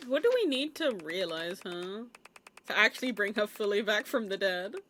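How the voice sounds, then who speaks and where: A woman's voice: medium pitch, big pitch swings, normal speed, bright, forceful tone, slight background noise. A woman streaming a dating game live, chatting casually and swearing freely into a desk mic. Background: game music.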